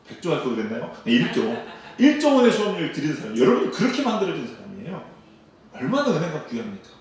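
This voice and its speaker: Talking fast with a fairly high pitch and huge swings, a man preaches as pastor at a dawn service in a church sanctuary. He acts out quoted dialogue and asks the congregation questions, heard through a distant mic with echoey church acoustics.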